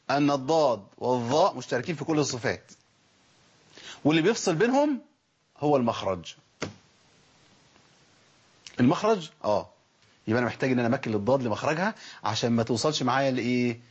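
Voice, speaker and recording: On a dull lo-fi recording, a man with an Egyptian Arabic accent leads a spoken Quran recitation lesson, sounding out letters and asking rhetorical questions. His mid-range voice is very animated and breathy-edged; he talks fast but pauses often.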